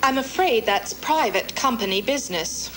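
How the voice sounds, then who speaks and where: An actress playing a polite, formal receptionist. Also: female voice, a little high, lively intonation, moderate pace, fairly bright tone, slight background noise, rough recording. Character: polite adult woman receptionist. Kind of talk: film comedy dialogue.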